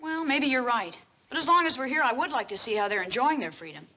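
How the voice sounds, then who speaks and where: Fiery, high-pitched young female crusader. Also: lively intonation, quick pace, pushed and bright, full character voice, low-quality recording. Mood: indignant, self-satisfied. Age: young adult. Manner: declamatory, grandiose big words. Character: fiery, indignant young sociology student crusading for the oppressed. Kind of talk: sitcom acting.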